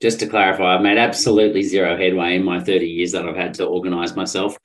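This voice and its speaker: A man's voice: low-pitched, level tone, fast talker, a bit bright. A man co-hosting a rugby podcast, bantering in a cocky, playful way. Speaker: podcast co-host.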